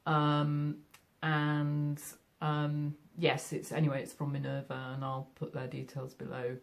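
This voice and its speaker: This sewing vlogger, a middle-aged Yorkshire woman, speaks in a low, creaky voice that is completely flat and a little slow. Still, she's friendly as she chats casually to camera about her sewing from her home sewing room, full of fillers.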